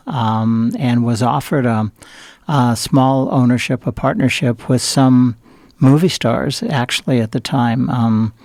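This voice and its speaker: A man's voice: mid-range voice, a little mellow, dry recording. An older man from Southern California, a guest in an interview, telling rambling stories with many fillers and restarts. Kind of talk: interview storytelling.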